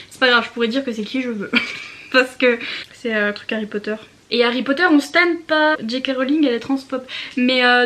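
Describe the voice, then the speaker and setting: A young woman chatting excitedly during an unboxing, gushing and giggling, slipping English words into her talk. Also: fairly high pitch. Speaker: book vlogger.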